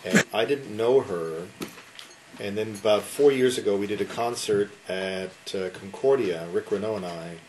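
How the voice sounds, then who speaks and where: A man's voice: lowish voice, moderate pace. A man in his sixties talking enthusiastically at a dinner gathering, rambling with many restarts and asides. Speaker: concert sponsor and guest speaker. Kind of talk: casual after-dinner talk. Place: wood-panelled dining room with a seated crowd. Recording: noisy room recording.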